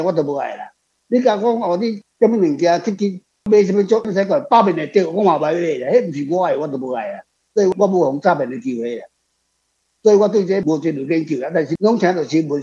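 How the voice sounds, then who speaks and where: A man with a Taiwanese accent, appearing as a guest author, answers questions in loose, unscripted conversation, rambling through stories and echoing his own phrases. His fairly high voice is mellow and husky, with the highs cut off in the recording.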